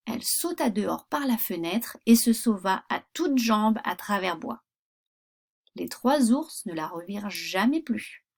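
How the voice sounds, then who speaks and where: A woman reading a children's fairy tale aloud, expressive with pauses. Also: mid-range voice. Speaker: storyteller.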